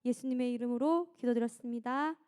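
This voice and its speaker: A woman's voice: a little high, brisk. A woman leading fervent prayer between sung worship lines, with music playing underneath. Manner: fervent, rising from soft murmured prayer to loud sung pleading. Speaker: worship leader. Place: church sanctuary.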